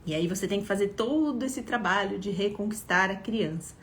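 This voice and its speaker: A middle-aged woman with a Brazilian Portuguese accent speaks at a medium pitch, giving parenting advice on a live stream. She keeps it conversational and keeps checking in with her listeners as she tells her story. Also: normal speed, a little hiss or hum. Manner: conversational, frequent "né?" and "tá?" check-ins. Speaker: parenting educator.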